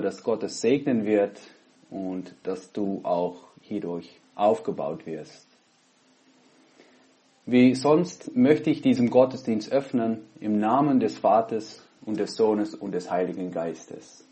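A man from the Netherlands, a pastor speaking German with a Dutch accent, gives an earnest online sermon and prayer through a headset at his laptop, pausing often between phrases. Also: lowish voice, animated, warm tone. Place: home, recorded at a laptop.

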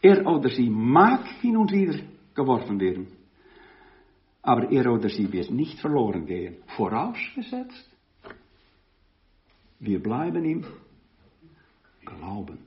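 Guy preaching, lively up and down voice, dull lo-fi sound. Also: medium pitch. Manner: slow, emphatic, swelling to loud stresses. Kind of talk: sermon. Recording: dull lo-fi recording.

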